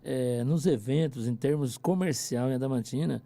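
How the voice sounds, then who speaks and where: Announcer guest from the São Paulo interior with an accent, gravelly and dark voice, talkative and hesitant. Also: male voice, medium pitch, normal speed. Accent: Brazilian Portuguese, São Paulo interior. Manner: chatty, hesitant, repeats words. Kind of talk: casual radio chat. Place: radio studio.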